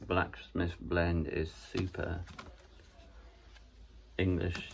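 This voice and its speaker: A man with a very low, gravelly voice talks around the pipe in his mouth as he samples tobaccos. His delivery is relaxed and half to himself, like casual tasting commentary. A faint noise runs underneath. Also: very slow.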